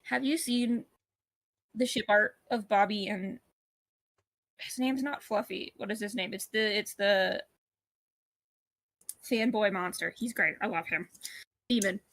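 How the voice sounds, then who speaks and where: A woman's voice: mid-range voice, measured pace, long pauses, fairly bright tone, dry recording. A woman chatting and telling stories casually during a gaming stream, swearing now and then. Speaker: streamer co-player.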